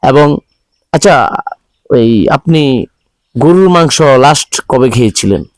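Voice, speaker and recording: A man with a Bangladeshi accent hosting a charity video, speaking in a halting, repetitive, pleading way to viewers. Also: mid-range voice, lively intonation, no room sound. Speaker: charity video host appealing for donations. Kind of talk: earnest spoken appeal to viewers, interviewing.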